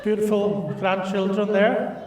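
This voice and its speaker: A middle-aged man with a North Welsh accent gives a homely, halting wedding speech. He speaks slowly in a high voice, heard from a distance in an echoing room with guests around him. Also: fairly even intonation. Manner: hesitant, homely storytelling. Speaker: father of the groom. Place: large glass-walled wedding reception room. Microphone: handheld mic, picked up from afar. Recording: echoey reception room, distant camera microphone.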